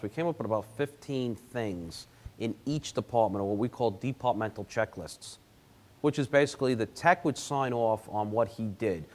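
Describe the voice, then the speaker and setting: A man who consults for repair shops, speaking in a chatty, halting way with many fillers on a handheld mic in a showroom. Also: on the low side. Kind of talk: panel discussion. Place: car dealership showroom.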